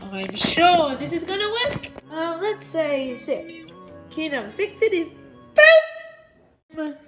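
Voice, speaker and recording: Very high-pitched excitable play-acting female voice. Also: takes it slowly. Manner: excitable, jumps between voices. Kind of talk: playful toy play-acting. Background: background music.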